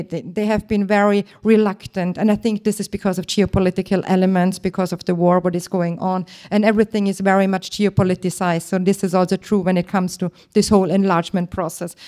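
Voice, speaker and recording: A woman's voice: medium pitch, little pitch movement, fast, hardly any pauses, mellow. A woman moderating a panel, posing long framing questions with hesitations. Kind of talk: panel discussion.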